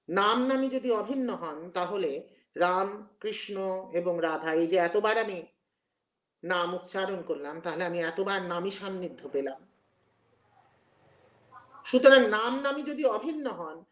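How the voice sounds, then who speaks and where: A man giving an academic lecture, explaining at length and sometimes chanting verses in a rhythmic way. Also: sits high. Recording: roomy echo.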